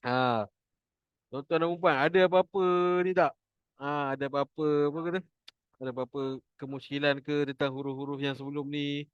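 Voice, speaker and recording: A man with a Malaysian Malay accent teaching Quran reading, slowly repeating each syllable for his students to copy and often starting lines with "ha". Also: on the high side, steady tone, clean tone, no echo, lo-fi sound. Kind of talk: online Quran reading class.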